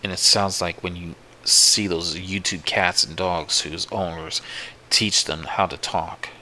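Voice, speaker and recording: A man narrating a first-person horror story in a profane, repetitive, unhurried way. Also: sits low, fairly even intonation, sharp tone, a little hiss or hum, poor audio. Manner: profane, slow, repetitive retelling.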